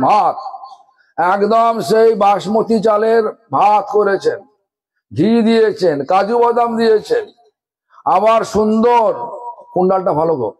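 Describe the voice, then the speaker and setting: A guru with a Bengali accent delivers a scolding religious discourse in a high voice, firing rhetorical questions at the audience one after another. The recording quality is rough.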